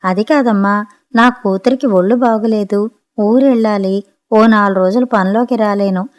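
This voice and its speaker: A woman's voice: mid-range voice, fairly even intonation, normal speed, natural voice. A woman doing a pleading housemaid. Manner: rustic colloquial speech, begging tone. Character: working-class maid, woman, pleading but firm.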